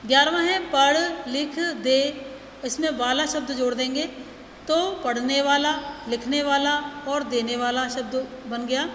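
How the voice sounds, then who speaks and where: A woman teacher giving a grammar lesson, slowly and deliberately reading out words one by one. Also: sits high, fairly bright tone. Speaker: school teacher. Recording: echoey room with long reverb, faint noise.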